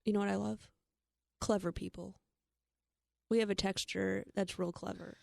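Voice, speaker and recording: A woman co-hosting a financial talk show, explaining listener questions in a brisk, enthusiastic way. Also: mid-range voice, fairly even intonation, gravelly, mellow, dry recording, studio quality. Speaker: financial radio show co-host. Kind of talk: casual talk radio chat.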